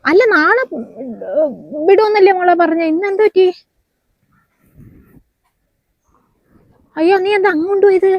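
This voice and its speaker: A woman's voice: medium pitch, flat delivery, a little fast, natural voice. A middle-aged woman playing a worried, caring mother-in-law in a home-made family drama, soothing others and repeating herself. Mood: loud, alarmed. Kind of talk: amateur family web-series acting. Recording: slightly dull, lo-fi sound.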